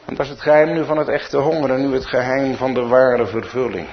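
A man's voice: mid-range voice, fairly even intonation, a little fast, lo-fi sound, slight background noise. A man with a Dutch accent preaching a sermon as pastor, building to emphatic peaks.

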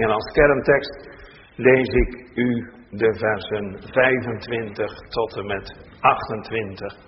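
A man, a pastor reading scripture aloud in a church service, slow and solemn with rising emphasis. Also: mid-range voice, a little hiss or hum. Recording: dull, echoey church hall recording.

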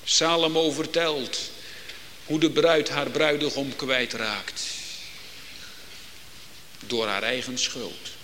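A man preaching a sermon to his congregation, solemn and emphatic, building to loud declamatory climaxes. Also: mid-range voice, fairly even intonation, slow pace, pauses often. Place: church. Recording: long reverb in a church hall, faint background noise.

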